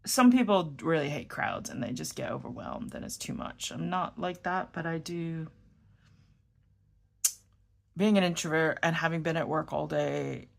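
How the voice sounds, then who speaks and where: Low and creaky, with lively intonation at a moderate pace, this New York woman talks casually as she writes in a notebook. She's a fountain pen vlogger whose chat rambles a bit, with self-corrections and murmurs while she writes, all in a New York accent.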